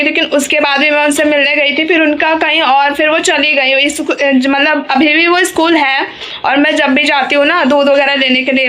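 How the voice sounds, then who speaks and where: A woman's voice: sits high, sharp tone. A young woman vlogger talking casually to her viewers in an emotional, rambling way, often correcting herself. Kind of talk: casual vlog talk.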